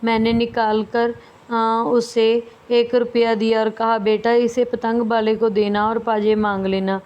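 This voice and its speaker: A woman teacher reading a story aloud slowly and carefully, with small restarts, then explaining it to her students. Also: fairly high pitch, flat delivery, lo-fi sound. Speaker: school teacher. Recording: faint background noise.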